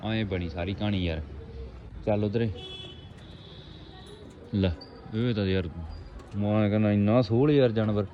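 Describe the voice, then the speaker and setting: On a rooftop at his home, this pigeon keeper speaks a little slowly in a fairly low voice, pausing often, and the highs are cut off. He addresses viewers as mates in a relaxed, rustic vlog, with birds and outdoor noise behind him.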